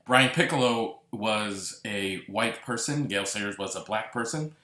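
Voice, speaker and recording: A man's voice: fairly low pitch, unhurried, sharp tone. A man hosting a solo podcast, talking earnestly and reflectively, lingering on repeated words. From Massachusetts. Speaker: podcast host. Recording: roomy echo.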